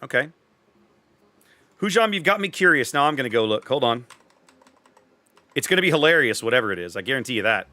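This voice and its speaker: With a sing-song, mid-range voice, a man live-streaming a game talks fairly quickly and pauses often, chatting with viewers and voicing opinions as he comments on his play. His tone is sharp, over faint game music.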